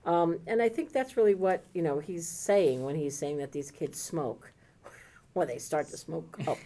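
In a casual book-recommendation chat, a podcast co-host with a low, mellow voice speaks at a measured pace. She gushes about a book she loves, wandering from point to point in a relaxed way.

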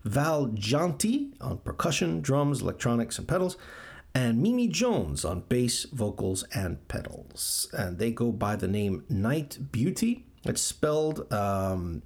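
A man's voice: medium pitch, very animated, slow, gravelly, a little mellow, slightly rough. A man hosting a music podcast, chatting casually and enthusiastically about albums, with frequent ums. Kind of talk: casual music radio chat.

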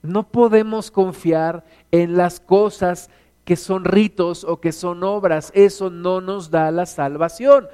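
A middle-aged Mexican man preaching a sermon as pastor, animated, acting out stories in put-on voices. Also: high-pitched, takes it slowly, clear, resonant tone. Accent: Mexican Spanish.

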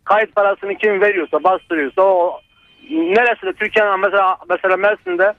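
A man's voice: high-pitched, fairly even intonation, moderate pace, no echo. A man calling in to a radio show over a landline phone, hesitant and full of fillers. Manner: hesitant, stacks up many fillers. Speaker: radio caller. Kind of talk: call-in chat. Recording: tinny phone line.

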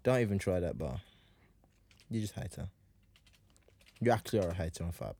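A man's voice: deep voice, sing-song, brisk, mellow, slightly rough, no echo. A man with a London roadman accent chatting casually in street slang, with a teasing manner.

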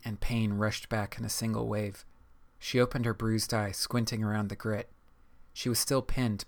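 A man giving a measured, even scripted reading of an audiobook. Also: on the low side. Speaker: audiobook narrator. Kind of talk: scripted narration.

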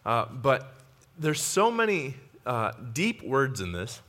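A man, a pastor, preaching a sermon in a church sanctuary, teaching in an animated way with frequent restarts and asides. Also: mid-range voice, slow pace.

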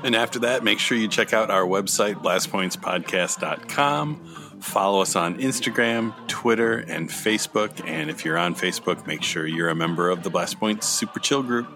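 A man's voice: on the low side, normal speed, music in the background. A man chatting casually as co-host of a fan podcast.

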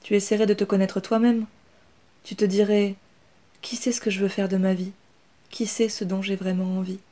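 A woman voicing a calm, self-assured young rat girl. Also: medium pitch, normal speed, natural voice. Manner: calm, steady.

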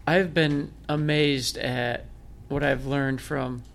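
A blind military veteran from Michigan speaks with a Northern Michigan accent, sharing his story in a conversational interview full of self-deprecating jokes. His mid-range voice is slow and creaky, with fairly even intonation.

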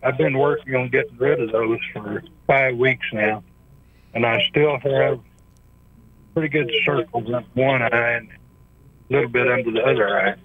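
A man calling in to a radio show over the phone, asking his question in a halting way with many pauses and restarts. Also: medium pitch, fairly even intonation. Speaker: caller. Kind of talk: call-in question to a radio doctor. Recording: tinny phone line, dry.

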